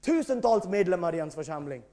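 High-voiced emphatic male preacher. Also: very animated. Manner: emphatic preaching, swings between shouting and quiet. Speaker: pastor. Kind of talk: sermon.

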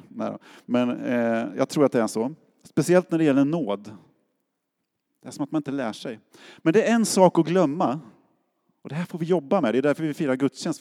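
Long hall reverb colors this recording of a middle-aged Swedish pastor whose medium-pitched voice has a darkish tone. He preaches casually, storytelling and acting out quotes.

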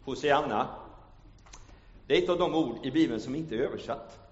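A man preaching a sermon in a church. He shifts from hushed storytelling to loud, ringing calls. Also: medium pitch. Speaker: pastor. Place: church hall. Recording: echoey church hall, dull lo-fi sound.

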